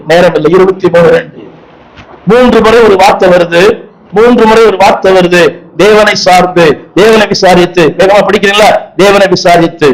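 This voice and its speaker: A man preaching a sermon to a gathering, repeating his phrases and urging the crowd to say them back loudly. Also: high voice, low-quality recording. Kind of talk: sermon with call-and-response.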